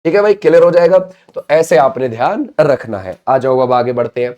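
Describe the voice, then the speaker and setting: A man's voice: medium pitch, expressive, normal speed, a little mellow. A man giving an exam-prep lecture who keeps asking questions and answering them himself, with frequent check-in phrases. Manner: drilling, asks and answers his own questions; repeats catchphrases to check understanding. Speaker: exam coaching teacher.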